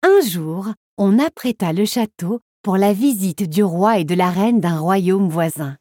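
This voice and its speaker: A woman narrating a children's storybook with an expressive, lively reading. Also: medium pitch, unhurried, no echo, clean studio sound.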